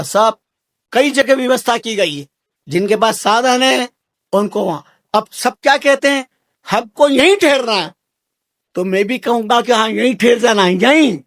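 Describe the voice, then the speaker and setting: A man with a high voice preaches a devotional sermon to his listeners. He exhorts them over and over, repeating his points and swinging into emphatic bursts. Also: a bit bright, no echo, studio quality. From Rajasthan, India. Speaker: spiritual teacher.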